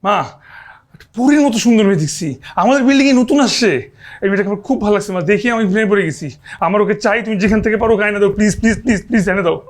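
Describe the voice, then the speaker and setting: A man's voice: high-pitched, very fast, close to an everyday voice. An actor playing a spoiled, lovestruck young man who pleads restlessly with his mother in a TV drama. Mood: pleading. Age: young adult. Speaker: lovestruck son. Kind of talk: TV drama acting.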